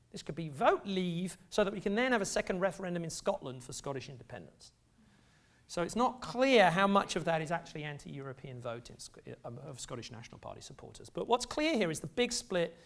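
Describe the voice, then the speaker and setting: A middle-aged English man giving a university lecture in a conversational way, with wry asides. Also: sits high. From England. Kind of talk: academic lecture. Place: lecture hall.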